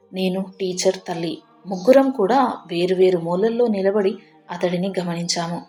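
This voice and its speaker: A woman's voice: medium pitch, a little mellow. A woman narrating an emotional first-person moral story in an earnest, heartfelt way. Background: faint background music.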